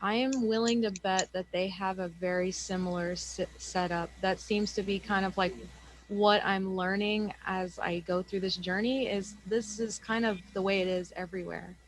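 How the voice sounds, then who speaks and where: A woman's voice: mid-range voice, fairly even intonation, moderate pace, a little hiss or hum, low-quality recording. Upbeat woman hosting an online class. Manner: upbeat, welcoming, promotional. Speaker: class host.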